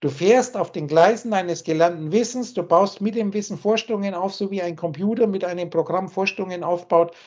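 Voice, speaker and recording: A man's voice: sits high, brisk, few pauses, a little mellow. A man teaching spiritual ideas on a video call, emphatic and insistent, often repeating his key points. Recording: muffled lo-fi call audio.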